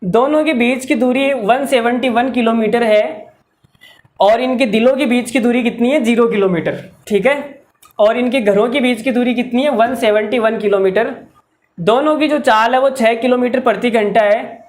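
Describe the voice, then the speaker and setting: A man's voice: very high voice, normal speed. A man teaching a maths problem, who explains it through jokes and directly addresses his students. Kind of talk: comic storytelling lesson.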